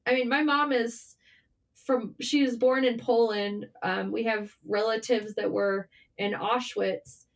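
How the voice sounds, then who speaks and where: Speaking a little slowly with fairly even intonation, this woman's slightly high voice carries casual, candid storytelling. She is a writer and journalist appearing as an interview guest, and her informal conversation includes some light swearing.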